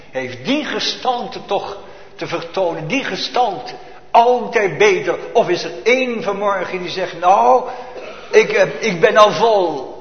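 A man preaching a sermon to his congregation, shifting from hushed to emphatic and full of rhetorical questions. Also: sits high. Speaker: pastor. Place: church. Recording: echoey church, lo-fi reverberant recording.

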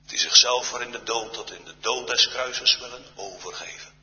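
Low-voiced male preacher with a hard, forceful edge, solemn and given to hushed passages, in a roomy echoing church. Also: normal speed. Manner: solemn, often drops to a near-whisper. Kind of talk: Reformed church sermon. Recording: reverberant church hall, dull sound.

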